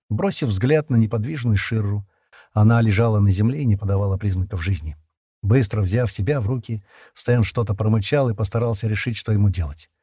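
A man narrating an audiobook chapter in a measured storytelling manner. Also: fairly low pitch, dark tone, slightly rough, no room sound, clean studio sound. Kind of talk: scripted narration.

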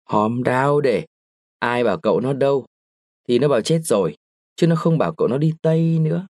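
A male narrator reading a short story aloud in an expressive storytelling manner. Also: mid-range voice, a little fast, no room sound, clean studio sound. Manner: expressive storytelling, shifting into character voices. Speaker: audiobook narrator.

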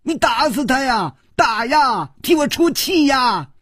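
A man's voice: high voice, big pitch swings, fairly quick, warm tone, husky, no echo, studio quality, pitched above the performer's own voice, full character voice. A male storyteller voicing a spoiled, hysterical young swordswoman who shrieks, scolds and wails at the men around her. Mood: shrill scolding. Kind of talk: traditional storytelling.

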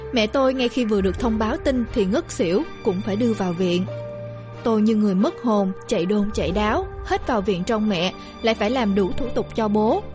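Somber woman storyteller, slightly high. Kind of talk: first-person story narration.

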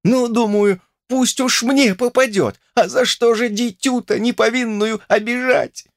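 A man's voice: very high-pitched, fairly even intonation, measured pace, dry recording, clean studio sound, pitched above the performer's own voice. A man reading an audiobook voices a complaining old village woman who mumbles toothlessly and curses her neighbours. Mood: lamenting. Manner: toothless mumble, lamenting and cursing.

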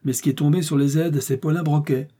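Audiobook: male reader voicing a brawny heartbroken street tough, dark husky tone, exclamatory. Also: a little high, steady tone, fast, pitched above the performer's own voice. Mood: confiding. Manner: emotional, pleading, exclamatory. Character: huge lovesick Parisian tough guy, grieving.

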